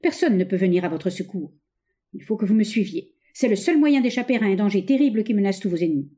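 A woman's voice: mid-range voice, animated, fast talker, mellow, natural voice. A woman voicing a brutal, obsessive masked male bandit in an audiobook reading, with an insistent, commanding delivery.

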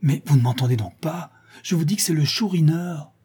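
A frightened poor young woman of the streets, timid and pleading, in a raised, soft-edged voice. A man acts her out in a storybook reading. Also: fairly high pitch, very animated, fairly quick, breathy edge, pitched above the performer's own voice, full character voice. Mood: fearful.

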